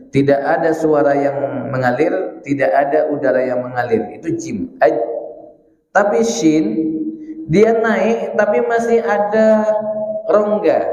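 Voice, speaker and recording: A man teaching Quran recitation to a class, slowly demonstrating letter sounds and chanting examples in a folksy, joking way. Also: fairly high pitch, a little mellow, reverberant, highs cut off. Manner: folksy, jokes with the audience. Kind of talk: tajwid lesson to a class. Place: room with students present.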